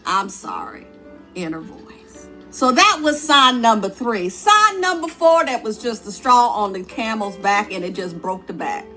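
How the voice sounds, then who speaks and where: A woman's voice: medium pitch, huge pitch swings, unhurried, bright, forceful tone, soft background music. A woman, a church singer, telling her personal testimony in an earnest, conversational and emphatic way.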